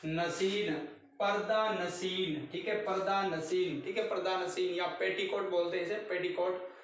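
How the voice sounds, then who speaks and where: A man's voice: high voice, flat delivery, measured pace, fairly bright tone, far from the mic, a little hiss or hum. A man teaching a grammar lesson, repeating word lists and checking in with "theek hai" after each one. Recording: very echoey room, recorded from afar.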